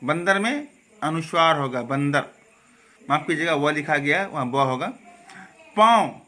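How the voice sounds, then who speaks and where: Bright-voiced man teaching Hindi grammar. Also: on the high side, animated. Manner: explains patiently, repeats wrong and right forms, checks with "है ना?" and "okay?"; slow, careful stress on corrected words. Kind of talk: classroom lesson.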